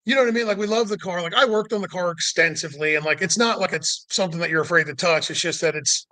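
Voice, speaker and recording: A man's voice: high-pitched, fast, bright, forceful tone. A man telling a long road-trip story in casual chat, rambling with lots of "like" and acting out the dialogue. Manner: rambling, heavy use of "like"; acts out quoted dialogue. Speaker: podcast guest.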